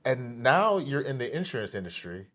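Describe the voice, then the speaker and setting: A man hosting an interview show, talking with animated enthusiasm and lots of fillers and restarts. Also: medium pitch, normal speed. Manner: animated, hyped delivery with many fillers and restarts. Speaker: podcast host.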